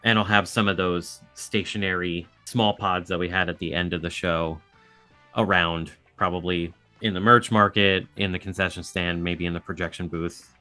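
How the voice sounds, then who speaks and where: A man's voice: deep voice, fairly even intonation, moderate pace, bright, forceful tone, no room sound, faint music behind. A man speaking as a podcast guest, explaining things in an easygoing, casual way. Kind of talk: casual chat.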